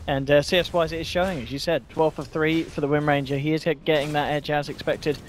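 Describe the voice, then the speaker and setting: A man casting an esports match, giving quick play-by-play calls of the action. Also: fairly high pitch, fairly even intonation, slight background noise. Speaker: esports caster. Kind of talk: play-by-play commentary.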